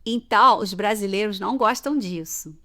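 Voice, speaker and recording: A bright, forceful woman's voice of medium pitch and moderate pace carries a Brazilian Portuguese accent. She is a Brazilian language teacher giving a chatty podcast lesson on everyday customs, explaining with examples and repeatedly saying "tá?".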